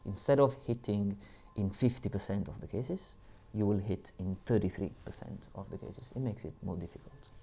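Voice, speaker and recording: A man's voice: fairly low pitch, normal speed, warm tone, breathy edge. A man presenting a tabletop game tutorial, patiently explaining the rules step by step with small asides.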